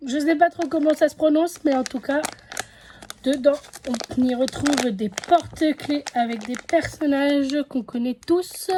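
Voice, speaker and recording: French woman vlogging an unboxing, high soft voice, takes her time, faint packet crinkle behind. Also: unhurried, slight background noise. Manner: chatty, guessing aloud. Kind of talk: casual unboxing chat.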